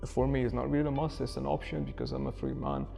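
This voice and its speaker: A Syrian-raised student, a man in his early twenties, reflects thoughtfully during a documentary interview, groping for the right words. He talks fast in a mid-range, gravelly, mellow voice with big pitch swings, recorded in a reverberant space where faint music plays.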